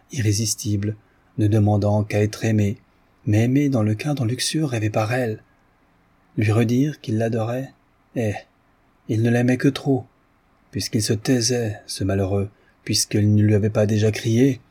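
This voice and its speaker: Male audiobook narrator, measured literary reading, low and husky. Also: warm tone.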